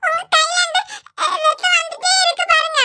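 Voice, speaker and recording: Lady voicing a tiny cartoon kid, kanyakumari tamil, squeaky high, begging and insistent. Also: level tone, a little fast, no room sound, exaggerated voice. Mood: pleading, tearful. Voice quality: high, bright childlike voice. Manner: pleading, insistent. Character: small tearful girl, worried about her father. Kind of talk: cartoon voice acting.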